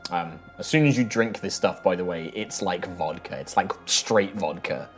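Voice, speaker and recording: Male game master, low register, casual improvised tabletop narration, light music bed. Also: normal speed.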